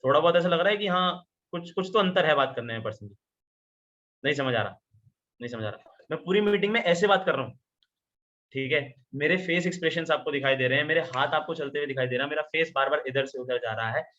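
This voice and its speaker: Male trainer, a bit high and sharp, chatty Hindi-English, dull call audio. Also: quick pace. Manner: animated, asks listeners questions, mixes English into Hindi. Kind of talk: virtual meeting training talk. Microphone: video call.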